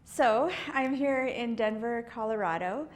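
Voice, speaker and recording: A woman artist from the US East Coast speaks a little slowly in a voice on the high side. In a casual interview in an indoor art studio, she talks thoughtfully, with many fillers, restarts and light laughs.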